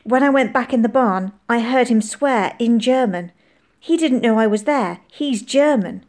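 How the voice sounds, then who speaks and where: A woman's voice: a little high, a little slow, a little mellow, pitched above the performer's own voice, natural voice. A woman voicing a determined young girl who speaks firmly and urgently, at times in tense whispers.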